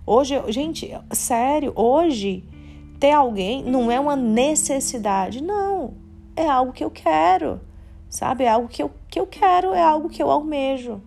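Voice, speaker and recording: A woman's voice: high-pitched, animated, a little slow, vocal fry, a little mellow. A Brazilian woman in her late twenties hosting a podcast, speaking in a candid, confessional and faith-centered way, with casual slang. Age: late 20s. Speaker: podcast host. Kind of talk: candid personal monologue.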